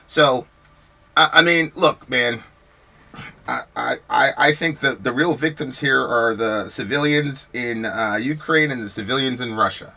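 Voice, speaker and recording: This American podcast host's medium-pitched voice is bright and forceful, delivered unhurriedly. He gives heated commentary on chat comments, pressing his points with rhetorical questions, and he repeats himself and restarts sentences as he grows more worked up.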